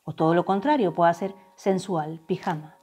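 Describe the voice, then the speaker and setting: A woman from giving a tarot reading to her viewers, saying the messages she channels slowly and softly. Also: lowish voice, slightly rough. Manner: slow, soft, drawn-out channeled phrases. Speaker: tarot reader. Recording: faint background music.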